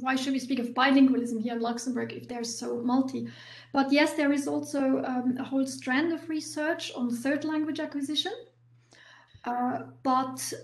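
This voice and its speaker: During a university talk's Q&A, a woman academic fields audience questions in a slightly higher, somewhat mellow voice. She explains patiently, often restarting phrases and using many small fillers, in an echoey room.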